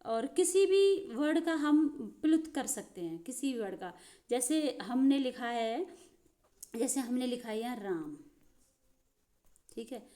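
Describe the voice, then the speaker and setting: Woman teacher, warm and mellow, patient step-by-step explainer. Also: a little high, lively intonation, measured pace, pauses often. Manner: explains step by step, addresses viewers as friends. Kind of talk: Hindi grammar lesson.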